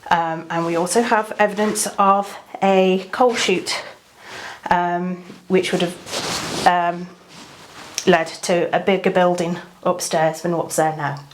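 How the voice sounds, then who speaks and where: An English woman, a tattoo artist, explaining things informally to camera in a hesitant, measured manner. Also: lowish voice, steady tone, slight background noise. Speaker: tattoo artist giving an interview.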